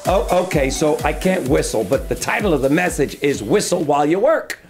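A man's voice: fairly high pitch, a little fast, loud music behind the voice. A man in his fifties giving an upbeat motivational talk to camera in a book-lined study. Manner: upbeat, animated, gesturing. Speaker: motivational coach. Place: indoor study with bookshelves.

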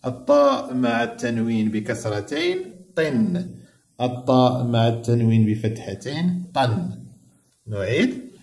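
A man with a Moroccan Arabic accent, teaching a reading lesson to young children. He sounds out each syllable slowly and repeats it so the pupils can copy him. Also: mid-range voice, sing-song, vocal fry, darkish tone, reverberant. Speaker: primary school teacher.

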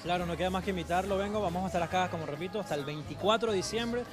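A Chilean-accented event organizer answers a reporter in an on-camera promo interview, eager and agreeable, repeatedly saying "claro." His voice sits high and races along, with background music underneath.

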